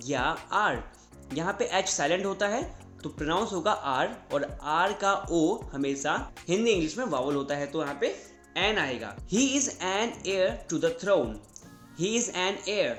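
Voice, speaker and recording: A man's voice: sits high, fairly bright tone, reverberant. A man teaching English grammar in Hindi, explaining step by step and answering his own questions.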